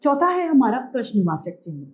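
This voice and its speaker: A woman teacher leads a grammar lesson for children at a patient, clear pace. She poses questions to the class and answers them herself. She reads each example sentence out slowly. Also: fairly high pitch, sing-song.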